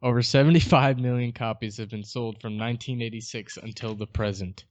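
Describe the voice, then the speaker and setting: A man's voice: medium pitch, fairly even intonation, fairly quick, lo-fi sound. A young man co-hosting a podcast in casual chat, laid-back with dry teasing. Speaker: podcast co-host.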